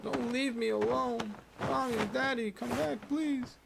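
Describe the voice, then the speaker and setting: A man voicing a frightened dying young girl who pleads in a high, tearful voice. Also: steady tone, measured pace, creaky, very noisy, heavily acted. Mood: pleading, desperate.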